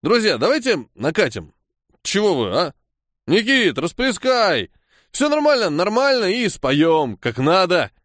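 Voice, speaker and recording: A man doing a slurring, shouting drunk. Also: sits high, big pitch swings, unhurried, no echo, clean studio sound, pitched above the performer's own voice, exaggerated voice. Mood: rowdy. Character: drunk man, rowdy, slurring, self-pitying.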